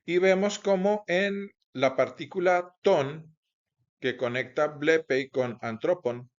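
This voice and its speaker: A man teaching a grammar lesson, explaining slowly and carefully, with many small connecting words. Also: fairly high pitch. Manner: slow, careful explaining with frequent "pues" and "entonces". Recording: dull lo-fi recording.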